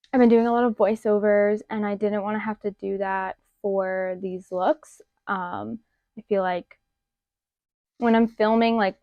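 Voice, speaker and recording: A woman's voice: mid-range voice, no echo. Makeup vlogger lady, slight lisp, rambly and chatty, kinda dull dry lo-fi sound. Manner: chatty, expressive, rambling with fillers. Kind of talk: casual chat.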